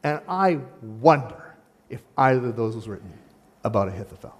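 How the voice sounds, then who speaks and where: A man preaching a sermon as pastor, animated and speaking straight to his congregation, acting out the voices he quotes. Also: mid-range voice, moderate pace. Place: church sanctuary. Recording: long hall reverb.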